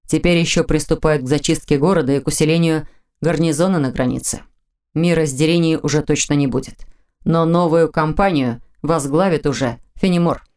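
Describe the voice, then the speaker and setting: A woman voicing a male dark mage in dragon form, speaking low, growly and commanding. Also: lightly acted. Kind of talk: audiobook character voicing.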